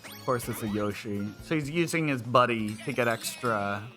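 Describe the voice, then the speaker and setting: A man's voice: mid-range voice, normal speed, over music. A man streaming live, chatting casually while feeling sick, rambling with lots of filler words. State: unwell and queasy.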